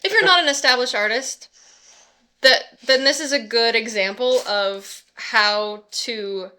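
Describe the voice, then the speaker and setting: Woman host chatting casually, bright tone, laughs a lot. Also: a little high, smooth. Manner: laughs often, quick asides. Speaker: channel host. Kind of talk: casual reaction chat.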